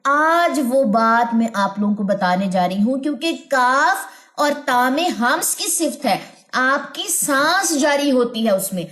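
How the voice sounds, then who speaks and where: High-voiced woman teaching tajweed. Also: expressive, a bit bright. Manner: explains step by step, then sounds out letters and examples slowly. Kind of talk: online tajweed lesson.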